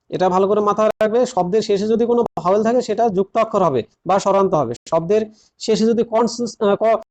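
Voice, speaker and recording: A man with a notably high voice works through an exam-prep grammar lesson one step at a time. He repeats the key points and keeps turning to his students as he explains. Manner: addresses students directly. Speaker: teacher.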